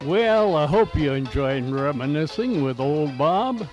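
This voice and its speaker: Recorded on home cassette tape with music playing, this old-time radio host is an American man in his eighties. His voice runs somewhat high and expressive, and he takes his time, speaking like a folksy, theatrical announcer reading a nostalgic script.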